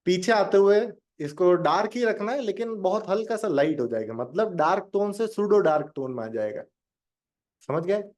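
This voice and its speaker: A man's voice: high voice, a little mellow. A young man teaching a live online drawing lesson, chatting with his students and joking as he guides them step by step. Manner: chatty, addresses students directly and jokes.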